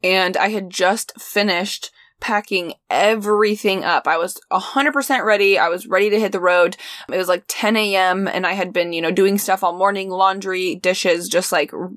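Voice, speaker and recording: A woman's voice: mid-range voice, moderate pace, a bit bright, no echo, studio quality. A young woman casually telling a personal story in a vlog from inside her van, chatty and full of "like" fillers. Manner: chatty, frequent "like" fillers, laughs while telling. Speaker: van life vlogger.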